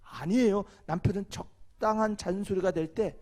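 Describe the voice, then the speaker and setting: A man, the senior pastor, preaching at a marriage seminar in a church. He quizzes the congregation with call-and-response questions and swings from loud emphasis to hushed asides. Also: high-pitched, normal speed. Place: church sanctuary.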